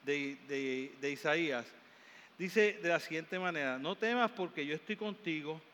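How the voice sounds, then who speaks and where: Caribbean pastor guy preaching, high bright voice, rises into fervent repeats, big echoey church hall with a bit of room hiss. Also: unhurried. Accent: Caribbean Spanish. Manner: fervent, builds up in emphatic repeated phrases. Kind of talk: sermon. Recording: long hall reverb, faint room noise.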